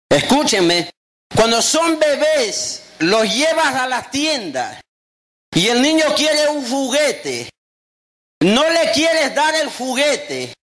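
Man, pastor, sermon, very high voice, slow delivery, emphatic. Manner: emphatic preaching, acting out quotes and rising to shouts.

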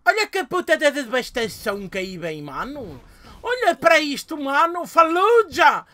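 Young Portuguese man, gameplay commentary; high, bright voice, excitable, swears and yelps. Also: unhurried. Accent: European Portuguese. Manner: excitable, swearing, shouting outbursts. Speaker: gamer.

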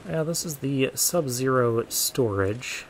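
A man's voice: mid-range voice, lively intonation, slow pace, a little hiss or hum, low-quality recording. Man thinking aloud in casual game commentary. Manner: thinks aloud, muttering asides. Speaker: gaming let's play host.

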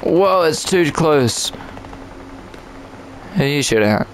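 Male gamer, fairly high voice, playful running commentary, faint background hiss. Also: expressive, slow pace, rough recording. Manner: playful, jokey, talks to himself and to other players. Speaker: gamer commentating his own play. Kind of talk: casual gameplay commentary.

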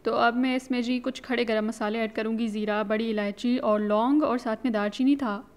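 A woman with a slightly high, mellow voice speaks at a moderate pace and a steady tone. She hosts her own cooking channel and chattily walks viewers through a recipe step by step, mixing English words into her speech.

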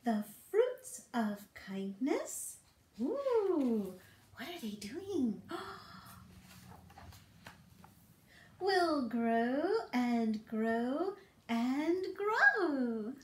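Hosting toddler storytime with read-alouds, songs and rhymes, a middle-aged librarian speaks in a high, very animated voice, playful and singsong with encouragement. She talks very slowly and pauses often. Her small book-lined office adds a roomy echo, with a little hiss or hum.

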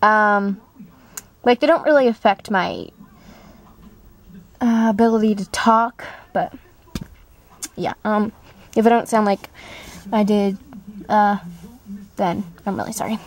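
A woman's voice: mid-range voice, takes it slowly, pauses often. A woman with newly fitted braces, chatting casually and breezily as an amateur voice actor, rambling to camera.

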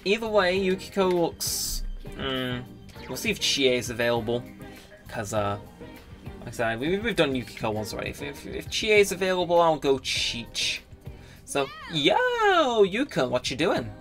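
Lively, rambling man playing a game. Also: mid-range voice, normal speed, over music. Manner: rambling, self-correcting, reads game text aloud. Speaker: let's play gamer. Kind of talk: casual gameplay commentary.

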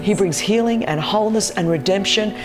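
An Australian woman in her fifties, a guest on a talk show set in a large wood-beamed studio loft, gives an animated testimony, telling her story passionately and emphatically while gesturing constantly with both hands. Her voice is medium-pitched and fairly quick, with music in the background.

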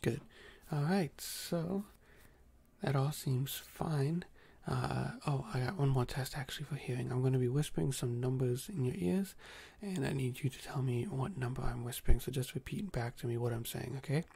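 Soft-spoken man in whispered role-play. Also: mid-range voice, vocal fry, slightly rough. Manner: soft-spoken, slow and gentle, with frequent hesitant fillers. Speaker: doctor giving a cranial nerve exam.

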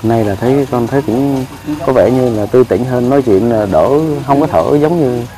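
A man, hosting a casual outdoor chat and politely nodding along with frequent soft assent. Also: mid-range voice, normal speed, low-quality recording. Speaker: host. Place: outdoors in a rural yard.

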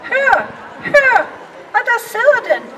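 A woman voicing an eager little poor kitchen girl in a storybook reading, with high excited exclamations. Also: recorded from a distance, a crowd in the background, background noise.

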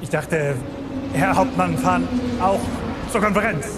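A man's voice: high voice, unhurried. An actor playing an obedient, naive army recruit in his twenties, giving snappy, deferential military replies. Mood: eager, deferential. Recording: noisy railway platform.

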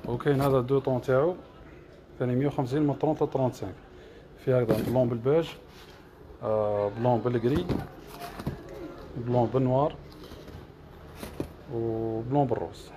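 A man with an Algerian Arabic accent runs down shoe models one after another, listing prices and colors. He talks quickly at an ordinary middle pitch. Clear shop ambience hums behind him. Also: noisy background. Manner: rattles off prices and colors in a list. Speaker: shop seller. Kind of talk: product showcase livestream.

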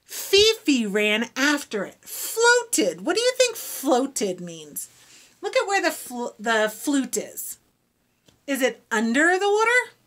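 A woman's voice: sits high, slow pace. A woman reading a picture book aloud to children, stopping to explain new words and ask them questions. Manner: animated, asks children questions. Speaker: storybook reader for children. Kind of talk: children's read-aloud with vocabulary teaching.

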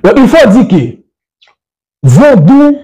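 High-voiced man giving a methodical lecture. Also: expressive, warm tone, poor audio. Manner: methodical and didactic, strings points together with frequent "donc"; slow deliberate spelling-out of word lists. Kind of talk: spoken lecture on language and religion.

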